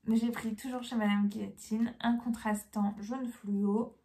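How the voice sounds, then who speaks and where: Chatty young Frenchwoman, high voice. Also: fairly even intonation, unhurried, dark tone. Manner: chatty and enthusiastic, many fillers. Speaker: knitting vlogger. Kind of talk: casual haul video.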